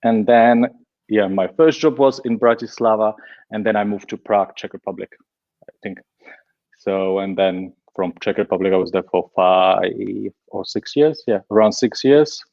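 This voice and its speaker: This Slovak man in his forties is a guest in a casual interview, talking at a normal speed in a lowish voice. He's chatty and quick to laugh, with plenty of fillers and restarts, and the sound is lo-fi.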